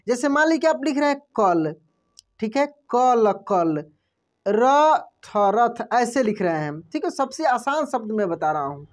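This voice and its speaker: A man teaching a language lesson, repeating each example word slowly and clearly and quizzing himself with short questions before answering. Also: very high voice, sing-song. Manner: drills words by repeating them with quick self-questions. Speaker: Hindi teacher. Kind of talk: classroom-style lesson.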